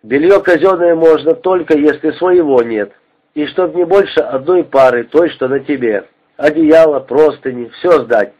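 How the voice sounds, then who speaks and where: Hoarse convoy chief as a male narrator puts him on, barking, fairly high tenor, muffled recording. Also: normal speed, darkish tone. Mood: commanding. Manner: barking orders. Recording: dull lo-fi recording.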